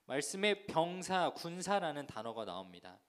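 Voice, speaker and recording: A male youth pastor delivers a sermon to teenagers, telling the story with animation and having the congregation repeat his lines. His voice sits fairly high, and his pitch swings widely as he preaches. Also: big pitch swings, normal speed. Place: church service.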